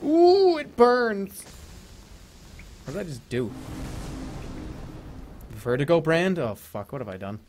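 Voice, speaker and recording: Excitable man swearing through gameplay. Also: medium pitch, normal speed, pauses often, faint music behind. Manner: excitable, swearing outbursts and laughter. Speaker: streamer. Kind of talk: gameplay commentary.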